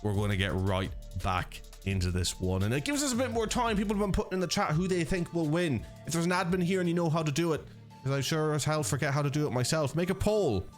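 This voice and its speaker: An Irish man casting and running a live esports stream, chatting and joking with viewers in a lively way over faint background music. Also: on the high side, fast. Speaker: esports caster and organiser.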